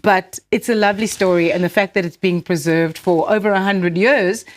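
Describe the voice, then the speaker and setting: A woman's voice: fairly low pitch, steady tone, moderate pace. A woman with a South African accent co-hosting in a chatty way, bantering casually and telling stories. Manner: chatty, switches between Afrikaans and English. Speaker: radio or podcast co-host. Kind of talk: casual co-host banter and storytelling.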